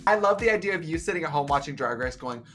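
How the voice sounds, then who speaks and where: A man's voice: on the high side, lively intonation, fast, fairly bright tone, soft background music. A man hosting a casual chat as a drag queen, joking in a dry, teasing way. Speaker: host.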